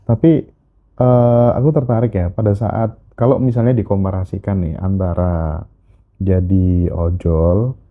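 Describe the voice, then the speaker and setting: A man hosting a casual interview, asking reflective and gently probing questions. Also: deep voice, steady tone, measured pace, narrow, tinny audio. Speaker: podcast host.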